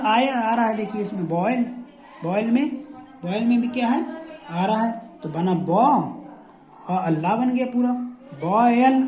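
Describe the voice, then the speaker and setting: A man teaching a shorthand lesson, repeating each example word several times as he walks through the rules. His voice is dark and mellow. He is recorded in a roomy space with plenty of echo. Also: high voice. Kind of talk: classroom lesson. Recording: echoey room.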